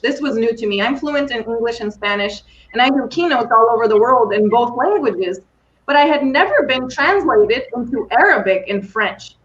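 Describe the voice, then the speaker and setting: A woman who works as a coach and keynote speaker, telling an enthusiastic, animated story during a podcast conversation. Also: a little high, muffled recording.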